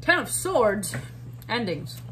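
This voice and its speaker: A woman's voice: on the high side, big pitch swings, slow pace, background noise. A woman giving a casual tarot reading, chatty and thinking aloud with fillers and little laughs. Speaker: tarot reader.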